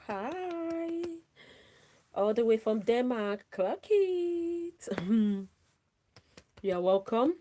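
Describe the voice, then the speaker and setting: A woman from Nigeria with a higher-pitched but dark-toned voice chats on a live stream, with a little background noise. Effusive and friendly, she keeps thanking people and calling them out by name.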